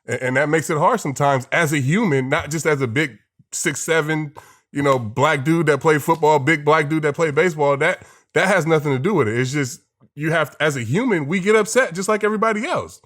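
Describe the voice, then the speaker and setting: A man co-hosting a podcast, talking in a relaxed way and often checking that he is understood. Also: on the high side, a little fast. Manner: relaxed, keeps saying you know what I'm saying. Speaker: podcast co-host. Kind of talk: casual podcast chat.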